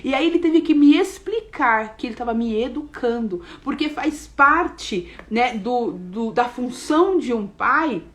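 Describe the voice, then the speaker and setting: Woman, slightly high voice, earnest confessional devotional talk. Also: animated, a little slow, hardly any pauses, fairly bright tone. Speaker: devotional speaker. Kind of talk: morning devotional message.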